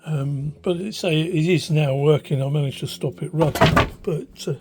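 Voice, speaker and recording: An older male hobbyist who restores radios gives a loose, unscripted demonstration in a small, cluttered indoor room, sounding hesitant and thoughtful. His voice is slightly high and moves at a normal pace, and the recording, made on a handheld phone behind the camera, is very noisy.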